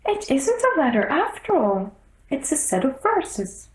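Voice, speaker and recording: Woman as a nervous male rabbit, storybook character, very high-pitched, fussy, sing-song, deferential, echoey. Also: very animated, measured pace. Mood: fussy, puzzled.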